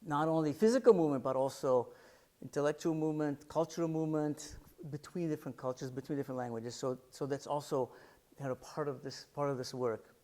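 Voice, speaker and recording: In a brisk, warm voice on the high side, a middle-aged American man presents his photographs during an artist talk at a library art center. He comes across as thoughtful, struggling for words, with lots of fillers and restarts.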